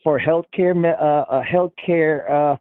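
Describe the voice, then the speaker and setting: A man in his fifties calling in to a stream, speaking hesitantly with lots of pauses and filler sounds. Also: on the high side, fairly even intonation, clean tone, no room sound. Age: 50s. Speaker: caller. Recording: tinny phone line.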